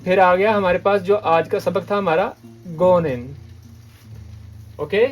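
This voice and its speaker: Slow, patient male language teacher. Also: sits high. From Pakistan. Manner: repeats words slowly, checks in with "okay?". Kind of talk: patient classroom lesson.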